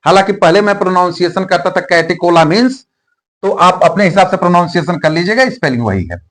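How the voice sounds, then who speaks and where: A man's voice: high voice, lively intonation, quick pace, a bit bright. A man teaching a biology lesson, asking questions and answering them himself and repeating key terms. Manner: teaching memory tricks.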